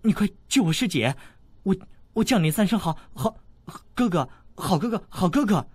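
Man putting on a high, timid princess girl for an audiobook, stammering pleas. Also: animated, moderate pace, no echo. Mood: pleading. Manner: stammering, pleading.

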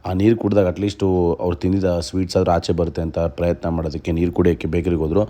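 A man's voice: low voice, steady tone, very fast, dark tone. A man narrating a matter-of-fact voice-over recap of events. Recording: audible noise under voice.

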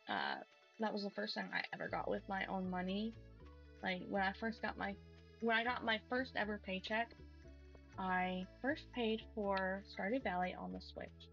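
A woman's voice: mid-range voice, gravelly, highs cut off. Chatty young woman streaming a farm game. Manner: chatty, exclamatory, self-deprecating. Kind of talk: casual gaming commentary.

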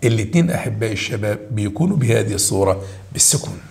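A man with an Egyptian accent teaching high school grammar. He walks through homework answers, repeating key points and addressing the students directly. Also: animated, very fast, gravelly, darkish tone. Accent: Egyptian Arabic.

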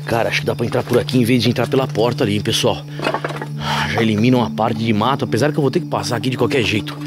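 A man with a Brazilian accent talking nervously and excitably to viewers in a handheld night-time ghost-hunting vlog. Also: medium pitch, racing. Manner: nervous, jumpy, excitable, exclamatory. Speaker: paranormal explorer and vlogger. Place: night-time exploration of derelict wooden shed and overgrown grounds. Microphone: handheld camera, operator behind it. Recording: loud music over camera audio.

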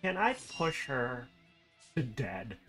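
A live gameplay commentator at home with a cat nearby, talking at a mid-range pitch. They get excitable and swear freely, laughing at their own blunders. Soft game music plays faintly in the background. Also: slow. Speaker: game streamer.

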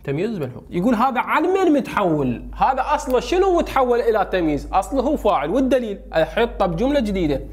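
A man with an Iraqi Arabic accent teaching a grammar lesson, firing quick questions at students and answering them himself. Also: high-pitched, sing-song.

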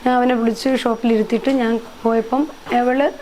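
A middle-aged woman gives an emotional account of her son in an interview. She talks in a halting way, repeats herself and trails off. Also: fairly high pitch, fairly even intonation, a little mellow, a little hiss or hum. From Kerala, India. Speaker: interviewee, mother.

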